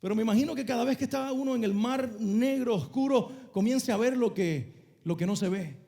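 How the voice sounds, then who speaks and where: A male pastor preaching a sermon, telling a story with dramatic shifts between soft and loud delivery and asking the congregation to repeat phrases. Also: extremely high pitch, brisk, creaky.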